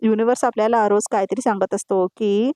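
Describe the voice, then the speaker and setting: A woman's voice: medium pitch, fairly even intonation, a little fast, warm tone, no echo, natural voice. A woman voicing a cheerful, playful young husband in a serial recap, coaxing and chatty in a dry close sound. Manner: chatty, coaxing, mixes in English words.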